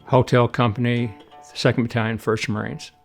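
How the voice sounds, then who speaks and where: An older man with a gravelly, fry-edged voice, recounting his military years in an even, flat delivery. He talks casually with a few fillers, and soft music plays underneath. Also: medium pitch, moderate pace. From Oklahoma and Oregon, USA. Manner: plain, even-toned recollection with fillers. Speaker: retired Marine colonel, interview guest. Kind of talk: casual storytelling interview.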